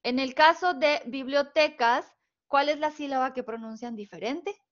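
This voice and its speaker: High-voiced Mexican woman teaching spelling. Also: moderate pace. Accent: northern Mexican Spanish. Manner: patient, explains rules step by step, checks understanding with questions. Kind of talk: online spelling lesson. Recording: dull, lo-fi recording.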